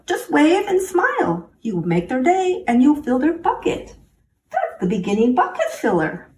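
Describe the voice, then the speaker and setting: Addressing the kids in front of her, a woman reads a picture book aloud in plain, encouraging language. She sits high with huge pitch swings, a moderate pace, and a darkish tone; the sound is roomy and distant, with a little background noise.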